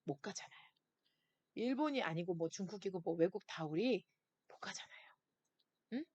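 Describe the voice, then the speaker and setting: A middle-aged woman pastor preaching a sermon to a youth group, emphatic and expressive, sometimes dropping to a soft near-whisper. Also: fairly low pitch, brisk, no room sound, lo-fi sound. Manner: lively and emphatic, acting out voices of worried listeners.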